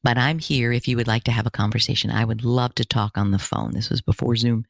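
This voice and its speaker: Career coach lady, middle-aged, chatty and animated, dry close mic. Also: a bass voice, gravelly, no echo. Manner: animated storytelling, quick bursts. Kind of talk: casual interview chat.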